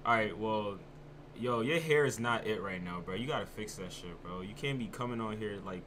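A man's voice: fairly low pitch, moderate pace, fairly bright tone, a little hiss or hum. A young man with an American accent in casual chat, brash and slangy, swearing and repeating himself. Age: young adult. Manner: brash, repetitive, slangy, profane. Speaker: host of random video chats. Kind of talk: casual trash-talking chat. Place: indoor room, gaming chair at a computer.

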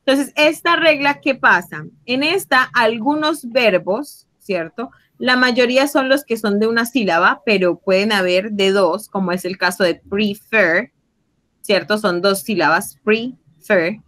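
A woman teaches English grammar to Spanish speakers, switching between Spanish and English as she explains patiently. She draws out example words slowly and checks in often with tag questions, in a medium-pitched, somewhat bright voice on a rough recording.

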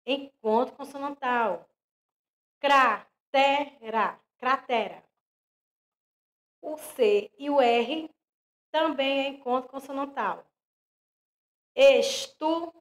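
A young woman teaching an online lesson to young children with a Brazilian accent, speaking slowly and clearly and stressing each example word. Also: sits high. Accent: Brazilian Portuguese. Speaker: primary school teacher.

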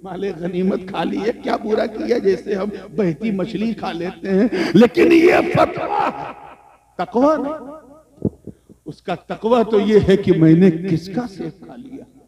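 A male preacher telling a story in an animated sermon, building on repetitive rhetorical chains before a live audience. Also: high voice. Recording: crowd laughing in background.

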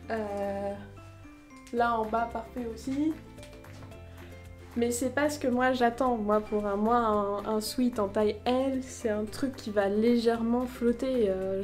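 A woman's voice: fairly high pitch, a little mellow. A woman chatting frankly through a casual unboxing review of cheap clothes. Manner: chatty, frank, mocking asides.

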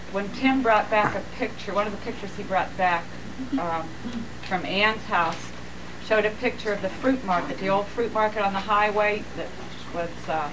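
A woman chatting and joking with her family on a home video, recorded on old camcorder audio. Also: medium pitch. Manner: joking, chatty, rambling with fillers. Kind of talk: casual home video chat. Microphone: camcorder's built-in mic. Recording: old camcorder audio, far from the mic, hissy.

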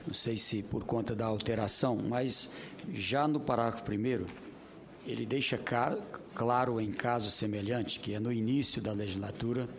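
A middle-aged Brazilian man, a senator giving a semi-formal committee speech, halting and circling back to rephrase. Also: mid-range voice, fairly even intonation, slight background noise. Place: large Senate committee room, indoors. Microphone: desk gooseneck microphone.

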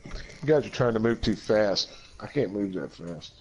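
A man's voice: on the low side, expressive, normal speed. A young man chatting while gaming with friends, laid-back, laughing often and swearing casually. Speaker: gamer playing with friends.

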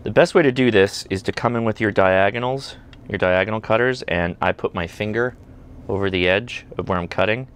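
An American man in his forties hosts a ham radio channel, giving a casual, enthusiastic product demo to camera from his home studio and workbench. His voice sits on the low side, fairly bright, and he talks a little fast. A faint hiss or hum runs underneath.

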